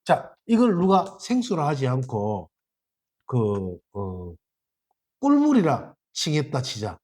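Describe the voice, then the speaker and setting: Gyeongsang dharma teacher, husky, highly animated pitch, colloquial temple-hall talk. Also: slow pace. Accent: Gyeongsang Korean. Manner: colloquial, acts out little dialogues.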